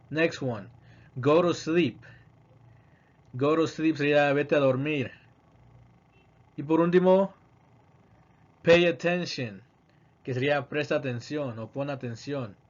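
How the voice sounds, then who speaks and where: A man teaching English grammar, reading example sentences slowly and then translating them. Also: medium pitch, dull audio. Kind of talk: grammar lesson explaining examples.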